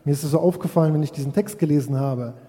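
A man's voice: a little high, racing, warm tone. A man preaching a sermon, reflective and speaking straight to his congregation, now and then acting out quoted voices. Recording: long hall reverb.

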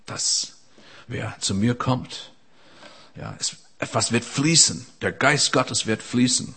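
Man, sermon, low voice, husky tone, earnest, halting restarts. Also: fairly bright tone. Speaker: preacher.

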